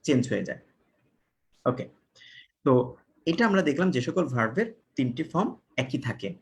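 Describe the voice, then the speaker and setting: A man from Bangladesh teaching an English grammar class online. He poses questions to the class and answers them himself, repeating and spelling out words slowly. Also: mid-range voice, sing-song, creaky.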